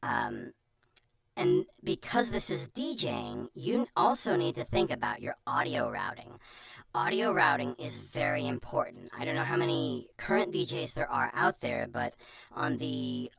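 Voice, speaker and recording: A streamer with an artificially pitch-shifted chipmunk voice gives an informal, self-deprecating how-to presentation in a chatty manner. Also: sing-song, measured pace, a bit bright, dry recording. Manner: chatty, self-deprecating, breaks off into muttered asides. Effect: pitch shifter giving a chipmunk voice.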